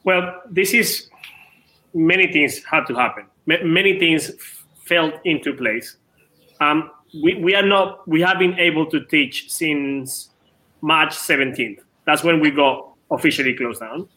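Bright-voiced Venezuelan man in his thirties. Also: a little high. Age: 30s. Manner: quick, repeats words at starts. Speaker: tennis club co-owner. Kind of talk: casual interview.

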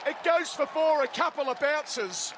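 With a very high voice and a slightly slow delivery, a man commentates live on cricket for radio using short, continuous phrases. Behind him, the crowd at the outdoor ground is heard clearly.

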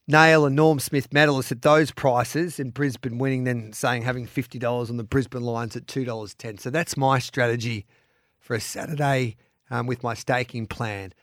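A man's voice: medium pitch, fairly bright tone, no echo. Australian man hosting, dry close sound. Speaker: podcast host. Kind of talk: casual sports betting chat.

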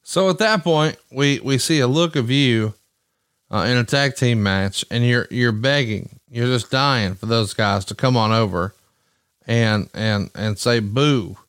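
A man's voice: medium pitch, measured pace, fairly bright tone, clear, resonant tone, no room sound, studio quality. A man hosting a podcast, moving between scripted ad reads and talk to his listeners. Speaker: podcast host.

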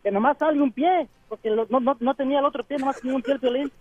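A man's voice: extremely high pitch, racing, muffled recording. A man calling in to a radio show, chatting and telling a folksy joke. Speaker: caller.

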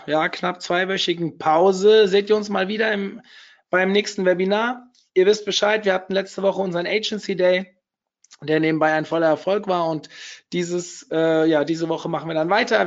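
A man with a hoarse voice, still recovering from losing it, chattily hosting a casual webinar. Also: sits high. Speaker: webinar host. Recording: dull, lo-fi webinar audio.

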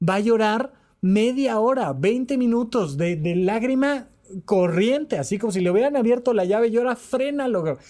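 A man, a therapist hosting a podcast on emotional health, who talks in an animated way and hammers his points home by repeating them. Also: very high voice, moderate pace. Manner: animated, repetitive, acts out quoted dialogue.

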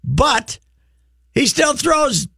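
A man hosting a sports radio show, blunt and animated, sometimes raising his voice to make a point. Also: extremely high pitch, extremely slow, vocal fry, no room sound, clean studio sound. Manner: blunt and animated, rising to shouts when making a point. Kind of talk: opinionated sports talk.

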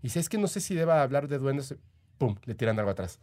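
Mexican guy chatting on a podcast, tells his stories eagerly, lots of fillers, mid-pitched voice. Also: expressive, quick pace, a crowd in the background. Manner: chatty, eager, full of "o sea" and "este" fillers. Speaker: podcast guest, paranormal podcaster. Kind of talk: casual storytelling.

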